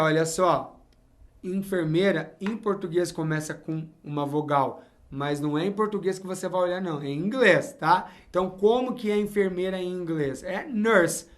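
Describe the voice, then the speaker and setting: A man from Brazil teaches English grammar in a fairly high voice. He talks directly to his viewers and keeps checking in with short "ok?" prompts. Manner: lively, talks straight to the viewer with frequent "tá?" and "ok?". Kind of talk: explaining English grammar to learners.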